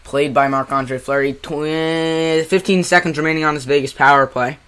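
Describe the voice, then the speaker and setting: Bright-voiced New Jersey man calling hockey. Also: fairly high pitch, normal speed, smooth. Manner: excitable on big plays, chatty asides to chat. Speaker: amateur play-by-play streamer. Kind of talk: live play-by-play commentary.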